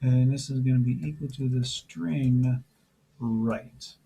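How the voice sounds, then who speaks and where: A man who is losing his voice, teaching a programming lesson step by step in a relaxed way with frequent fillers. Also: mid-range voice, takes it slowly, gravelly, breathy edge, poor audio. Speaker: programming instructor. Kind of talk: screen-recorded coding tutorial.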